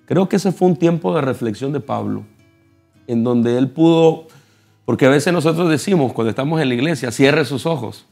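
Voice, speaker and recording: A man with a Nicaraguan Spanish accent, a pastor explaining scripture in a measured, teaching tone on a television panel. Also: medium pitch, expressive, vocal fry. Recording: soft guitar music behind.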